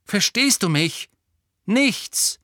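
Male reader doing a firm, earnest mentor wizard; raised pitch, dry close sound. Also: expressive, no echo. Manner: measured, firm.

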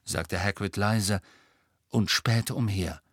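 A man narrating an audiobook with steady, measured storytelling. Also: fairly low pitch, slightly rough, dry recording, studio quality. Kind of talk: scripted narration.

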